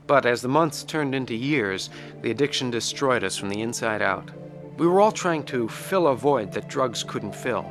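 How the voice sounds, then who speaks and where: A man's voice: mid-range voice, natural voice. Male narrator, troubled veteran ex-addict played by a man, earnest first-person radio drama, music behind. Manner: earnest, reflective. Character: troubled Vietnam veteran heroin addict telling his story. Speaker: narrator and lead actor.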